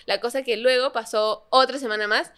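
A woman's voice: on the high side, brisk, clear, resonant tone. A young woman co-hosting a casual chat, telling a personal story and acting out the dialogue with animation. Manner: animated, laughs while telling stories, acts out dialogue. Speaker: podcast co-host.

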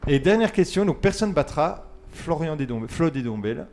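A man's voice: a little high, very animated, moderate pace, darkish tone. A man hosting a casual radio quiz, reading multiple-choice questions, counting down and joking with his co-hosts. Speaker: quiz host.

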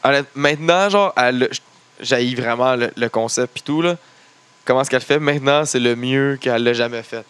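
A man's voice: mid-range voice, normal speed, fairly bright tone, smooth. A man with a Quebec French accent co-hosting a podcast, chatting casually about wrestling, rambling with many fillers and restarts. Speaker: podcast co-host.

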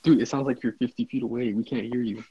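A man's voice: medium pitch, fairly even intonation, quick pace, very noisy. A young man joining a podcast chat, teasing and joking, heard over dull call audio. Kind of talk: casual chat.

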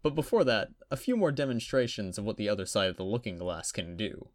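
A man voicing a calm, self-assured boy who acts as a teacher, speaking in a measured, coaxing way in a dry, close recording. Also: fairly low pitch, no room sound.

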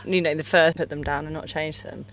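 Lower-voiced woman, chatty podcast co-host, lots of ums, noisy recording. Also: steady tone, brisk, fairly bright tone. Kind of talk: casual chat and poetry reading.

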